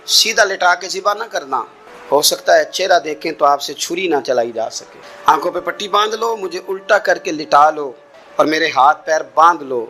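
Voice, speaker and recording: A man voicing a gentle, devoted young son. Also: a little high. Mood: tender.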